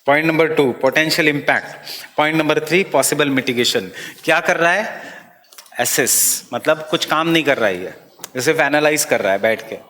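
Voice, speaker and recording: A man with an Indian accent teaching an exam-prep class, dictating slowly and repeating each phrase so students can write it down, then explaining in a mix of Hindi and English. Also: a little high, sharp tone, in a large hall.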